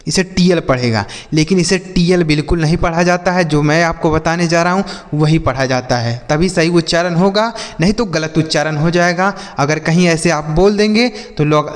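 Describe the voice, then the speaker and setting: A man's voice: on the high side, moderate pace, few pauses. Man teaching English spelling, echoing hall. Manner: spells words letter by letter, repeats and quizzes; addresses viewers as children and brother. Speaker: English teacher, channel host. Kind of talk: spoken lesson to students.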